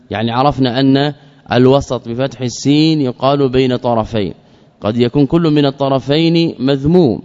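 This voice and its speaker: A man teaching an Islamic creed text as a lesson, measured, often repeating key phrases and asking questions he then answers himself. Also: mid-range voice, a little mellow. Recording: dull lo-fi recording with long reverb.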